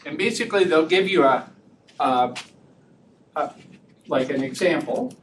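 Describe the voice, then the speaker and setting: Relaxed man giving a lecture. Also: fairly high pitch, measured pace. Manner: relaxed, chatty, laughs easily, many restarts. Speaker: invited speaker giving a research talk. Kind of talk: academic lecture with audience questions. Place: lecture room. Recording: distant mic with faint room noise.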